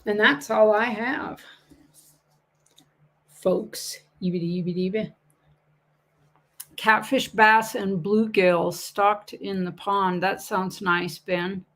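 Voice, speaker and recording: Gravelly-voiced woman chatting on a coin stream. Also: medium pitch, level tone, slow pace, fairly bright tone. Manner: chatty, laughs easily, rambling asides. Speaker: livestream coin seller. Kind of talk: casual livestream chat.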